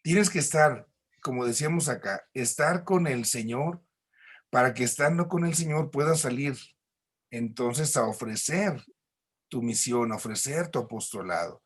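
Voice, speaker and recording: Husky Mexican man giving a church lesson. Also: medium pitch, lively intonation, measured pace. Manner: patient explaining with tag questions and homely examples. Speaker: church teacher. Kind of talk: recorded class lecture.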